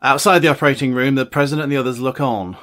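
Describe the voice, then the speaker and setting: A man, co-hosting a podcast, recapping a film's plot with dry, deadpan asides. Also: mid-range voice, rapid-fire. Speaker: podcast co-host recapping the film. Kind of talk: casual film recap chat.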